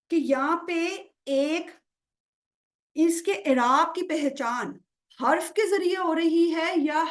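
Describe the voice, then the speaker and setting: A woman teaching Quranic grammar in an online lesson, patiently checking understanding and stretching out example words. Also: high voice. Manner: drawls example words slowly to show pronunciation.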